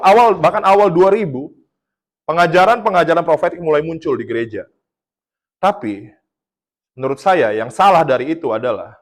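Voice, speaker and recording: A man from Indonesia preaching a casual sermon, telling a testimony in a chatty storytelling way and laughing at his own jokes. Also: a little high. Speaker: pastor.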